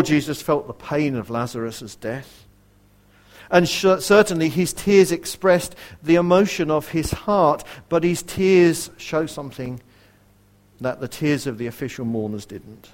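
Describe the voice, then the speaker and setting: Man preaching a sermon, bit of a higher voice, earnest, asks the congregation questions, goes real quiet on the verses. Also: unhurried. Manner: varies loudness widely, dropping to a near whisper for quoted verses.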